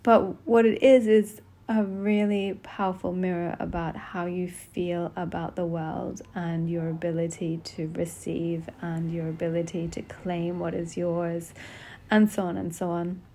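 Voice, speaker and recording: A woman hosting a solo podcast in a soft, gentle voice, speaking tenderly and intimately without hurry. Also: fairly low pitch, flat delivery, measured pace, slight background noise. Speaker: podcast host. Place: small closed bedroom at home. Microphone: podcast microphone.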